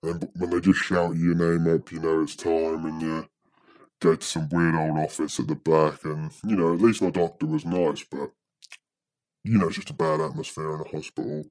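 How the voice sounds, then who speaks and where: A man's voice dropped by a pitch-shifting disguise, sitting extremely low. The tone is dark and mellow, and the sound is dry and close. He rambles hesitantly, filling gaps with casual asides. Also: flat delivery, normal speed, no echo. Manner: hesitant, rambling, full of "you know". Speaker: anonymous podcast guest. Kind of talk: casual chat.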